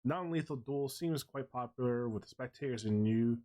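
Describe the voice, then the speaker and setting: A man streaming a game in a medium-pitched voice. He comments casually, mutters asides to himself and reads game text out loud. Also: moderate pace.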